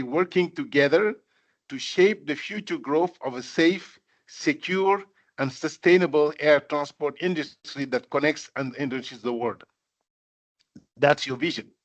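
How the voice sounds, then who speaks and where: An older man from Senegal giving a speech at a corporate event, talking in a measured way, with many fillers and repeated phrases for emphasis. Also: on the high side, a bit bright. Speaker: guest speaker. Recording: dull lo-fi sound.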